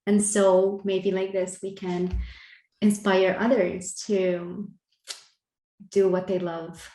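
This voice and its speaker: A woman's voice: medium pitch, flat delivery, slow pace, warm tone. A woman co-hosting a casual spiritual conversation, earnest, laughing lightly between phrases and restarting her sentences. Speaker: podcast co-host. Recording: roomy echo.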